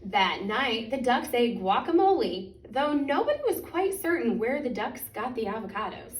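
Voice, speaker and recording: A woman reads a picture book aloud for children in an expressive, deliberate way, stretching out key words. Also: fairly high pitch. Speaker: children's story reader. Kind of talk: animated picture-book storytime reading. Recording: echoey room, distant microphone.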